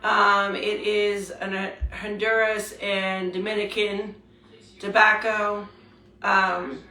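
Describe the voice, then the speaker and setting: A speaker in a relaxed chat about cigars, heard with a big echo around the voice and fillers between phrases. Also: mid-range voice, takes it slowly, recorded from a distance. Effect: big echoey room sound on the voice. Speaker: cigar reviewer. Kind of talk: casual product chat.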